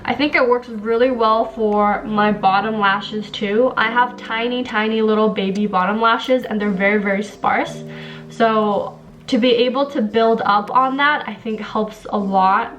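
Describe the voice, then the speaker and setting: A woman's voice: on the high side, fairly even intonation, a little slow, fairly bright tone, muffled recording, faint music behind. A young woman from Taiwan, a beauty vlogger chatting casually to a close camera in a small bedroom, upbeat and filler-heavy.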